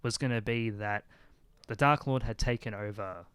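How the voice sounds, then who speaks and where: A man's voice: fairly low pitch, normal speed, a bit bright, smooth. A man hosting a casual podcast chat, rambling with many restarts. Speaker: podcast host.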